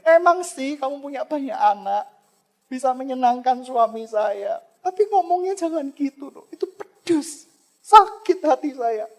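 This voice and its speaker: A man's voice: very high-pitched, animated, a little slow, voice pushed up, full character voice. A man preaching a sermon, acting out a hurt, indignant young woman in a raised, dramatic voice.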